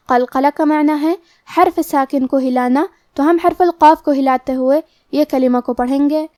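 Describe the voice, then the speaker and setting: A woman teaching the rules of Quran recitation, explaining each letter slowly and deliberately. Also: sits high, a little mellow, no echo, clean studio sound. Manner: slow, deliberate explanations with recited words drawn out. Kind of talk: tajweed lesson, explaining rules.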